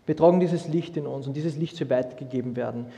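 A young man preaching a sermon, lively and humorous, with many restarts as he tells stories. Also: mid-range voice, fast, vocal fry. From Austria. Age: young adult. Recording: long hall reverb.

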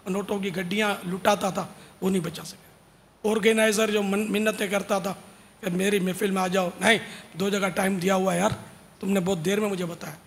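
A man with a high, gravelly voice delivers an earnest, informal sermon to devotional singers, slipping in casual asides as he urges them on. His voice carries a long reverb, as if from a large hall. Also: fairly even intonation, fairly bright tone, slight background noise. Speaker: religious preacher.

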